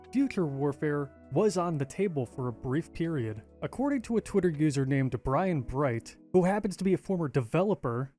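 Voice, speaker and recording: Hoarse man, raspy voice from illness. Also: a little high, warm tone. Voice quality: rough, raspy voice. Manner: casual and chatty, with fillers like "like". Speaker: gaming video creator. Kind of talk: casual video-essay narration.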